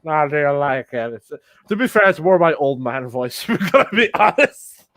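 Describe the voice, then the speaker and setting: A man's voice: fairly high pitch, big pitch swings, normal speed, a bit bright, no echo. Man, podcast banter, mocking, laughs a lot, dry close mic. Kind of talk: casual comedic podcast banter.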